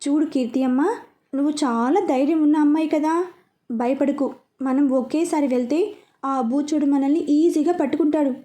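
A woman voicing a loving young mother who gently soothes her frightened child in a story. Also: high-pitched, fairly even intonation, moderate pace, lightly acted. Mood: tender. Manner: soothing, coaxing.

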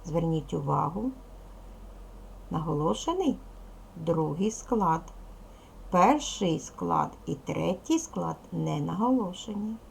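Slow-talking woman teacher, gravelly voice. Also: on the low side, animated, a little hiss or hum. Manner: slow, patient, spells out sounds and syllables. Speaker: primary school teacher. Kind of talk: recorded video lesson for second graders.

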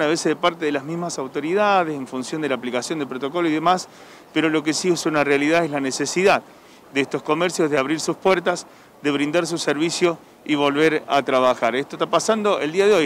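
A young field reporter with an Argentine Spanish accent reports for local TV news, chatting with customers on a town sidewalk and inside a café, asking short questions into a handheld reporter microphone. His voice is a little high and fairly bright, with slight background noise.

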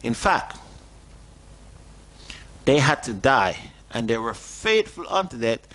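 A middle-aged man preaching a sermon and reading scripture at a desk, earnest and questioning, lifting his pitch on stressed words. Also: big pitch swings, slow, a bit bright. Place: small indoor studio at a desk.

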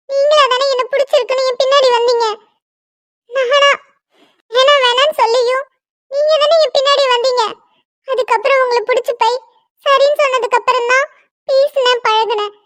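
A woman's voice: extremely high pitch, fairly bright tone, no room sound. A woman doing a tearful jilted young woman. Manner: pleading, tearful.

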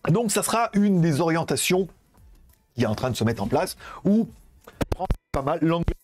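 Lively rambling French tech vlogger. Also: male voice, on the high side, moderate pace, over music. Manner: rambling, laughs often, crude slang. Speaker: tech youtuber. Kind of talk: casual chat. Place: Thailand.

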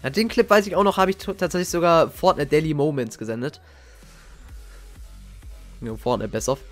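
A young man giving casual, slangy reaction commentary as a gaming YouTuber, excitable and reminiscing. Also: on the high side, fairly quick. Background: faint game music.

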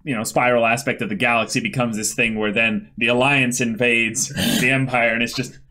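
A man co-hosting a casual reaction discussion, chatty and quick, with playful asides. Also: medium pitch, level tone, sharp tone. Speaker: co-host.

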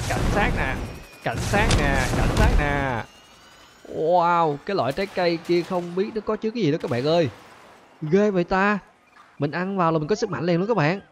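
A man hosting a gaming channel, giving excited gameplay commentary and talking straight to his viewers. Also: a little high, background noise. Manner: animated, keeps addressing viewers as "các bạn ơi".

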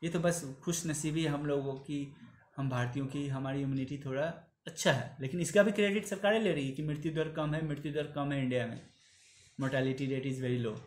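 A man's voice: a little high, moderate pace. Earnest man pleading to camera, roomy. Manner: earnest, pleading, mixes in English phrases. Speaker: vlogger. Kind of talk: opinion commentary to camera. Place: small room indoors. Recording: echoey small room.

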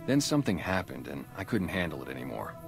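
An actor playing a blunt, guarded ex-gang sniper who now works as a town guard, in a video game. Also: male voice, very deep voice, sing-song, fast, vocal fry, full character voice. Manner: blunt, matter-of-fact. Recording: game audio with music behind.

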